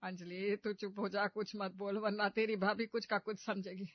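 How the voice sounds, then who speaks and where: A woman voicing an exasperated middle-aged mother-in-law who scolds loudly in a cartoon story. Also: mid-range voice, flat delivery, normal speed, no room sound, dull audio, voice pushed down, natural voice. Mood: weary.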